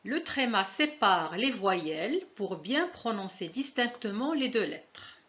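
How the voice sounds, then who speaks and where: A woman teaching a French lesson, spelling out every example with slow, careful dictation. Her voice sits at an ordinary middle pitch. The recording is dull and a little lo-fi. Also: very animated, a bit bright. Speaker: language teacher.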